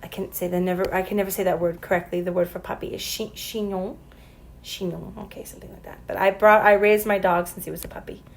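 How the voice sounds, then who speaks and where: A woman's voice: on the low side, level tone, fast, hardly any pauses, slight background noise, poor audio. Woman teacher walking through a French lesson. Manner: explains patiently, spells out letters, sounds out French example sentences. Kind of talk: recorded classroom lesson.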